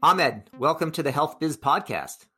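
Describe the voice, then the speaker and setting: Over music, a man with a fairly high pitch and lively intonation opens his business podcast with a scripted intro before moving into a casual interview at normal speed. His manner is friendly and jokey, and he restarts now and then.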